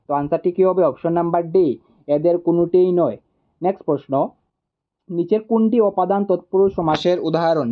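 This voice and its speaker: A man tutor walking through exam answers, repeating each option deliberately. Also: high-pitched, highs cut off.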